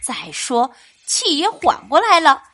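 A woman reading a children's picture book aloud in a gentle, expressive storytelling manner. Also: sits high, a little slow. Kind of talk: scripted storybook narration.

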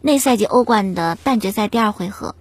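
A woman host telling a sports story in a chatty, animated way, often asking the listener rhetorical questions. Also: medium pitch, brisk, breathy edge, dry recording. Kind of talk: casual storytelling commentary on football.

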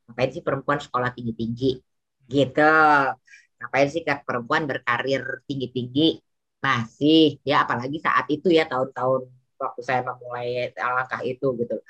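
A middle-aged woman from Indonesia, talking as an interview guest who gets heated and passionate, and who acts out quoted lines in a higher voice. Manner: passionate, quick to get heated. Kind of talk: casual interview talk.

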